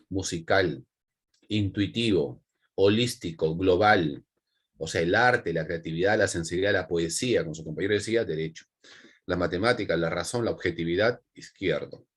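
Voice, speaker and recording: Husky Peruvian male teacher. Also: low voice, moderate pace. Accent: Peruvian Spanish. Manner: repetitive, with frequent check-in tags. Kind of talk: online class lecture.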